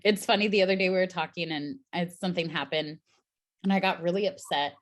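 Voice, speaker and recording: A woman with a fairly low voice co-hosting a relaxed chat. She spins playful, dry-humored stories and drops quieter when she muses. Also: fairly quick. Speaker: co-host. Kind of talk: casual chat.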